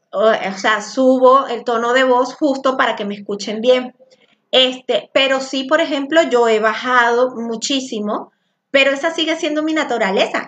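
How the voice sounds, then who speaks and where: Mujer venezolana de voz aguda que habla rápido. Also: female voice, on the high side. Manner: fast, rushed, loud talker. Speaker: spiritual workshop teacher. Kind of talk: teaching a group session.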